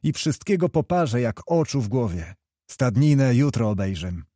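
A man's voice: medium pitch, very animated, moderate pace, warm tone, no echo, clean studio sound. A man voicing a boastful male horse-breaker who mimics animals.

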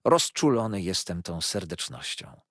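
Brief: male reader playing a pompous, overwrought gent, flowery and loud, husky edge, lively swings in pitch. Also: measured pace, dry recording, clean studio sound, exaggerated voice. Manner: grandiloquent, flowery phrasing; emotional outbursts. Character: pompous, tearful, florid middle-aged gentleman.

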